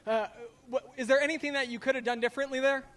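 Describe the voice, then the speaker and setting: A man's voice: very high voice, fairly even intonation, fast talker, fairly bright tone. A man interviewing drivers as a trackside reporter at a racetrack, upbeat. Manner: upbeat, rallying the crowd. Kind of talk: post-race interviewer.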